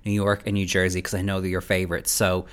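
A man's voice: deep voice, monotone, quick pace, fairly bright tone, clean tone, dry recording. An Irish man hosting a podcast, introducing the show and chatting casually with his guest. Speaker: podcast host.

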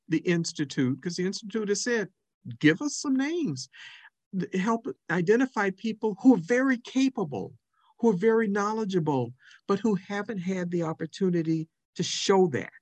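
Measured man on a dry remote mic. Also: sits high, lively intonation, dry recording. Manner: measured, deliberate, quotes others' views. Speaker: podcast guest. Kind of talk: podcast interview answer.

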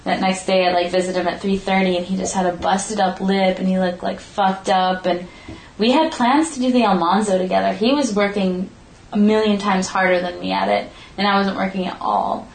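A woman's voice: mid-range voice, steady tone, a little fast, gravelly. Young woman, casual storyteller, rambling and profane, recorded in a roomy space. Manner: rambling, swears freely, lots of "like". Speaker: friend in conversation. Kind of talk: casual chat. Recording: roomy with faint background noise.

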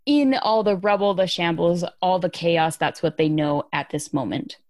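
A woman's voice: fairly low pitch, normal speed, a little mellow, dry recording, clean studio sound. A woman hosting a podcast, talking through news in an informal, emphatic, conversational way. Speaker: podcast host. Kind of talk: casual conversational news commentary.

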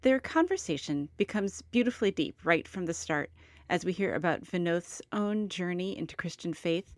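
Low-voiced woman hosting a podcast. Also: darkish tone, no echo, studio quality. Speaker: podcast host. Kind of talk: scripted podcast opening.

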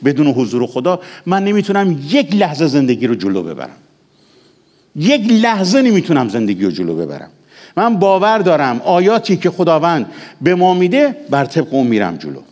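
A middle-aged male pastor preaching a sermon, swinging from raised exhortation to hushed, intimate passages. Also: a little high, huge pitch swings.

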